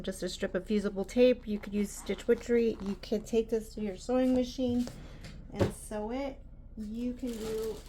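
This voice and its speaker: A woman's voice: medium pitch, mellow, a little hiss or hum. A woman hosting a casual embroidery tutorial, chatty and rambling with frequent ums.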